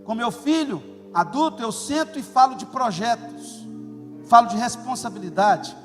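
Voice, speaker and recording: High-pitched middle-aged male pastor preaching. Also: normal speed. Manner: emphatic, animated preaching with sudden loud stresses. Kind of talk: sermon. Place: church auditorium. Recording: long hall reverb, faint music.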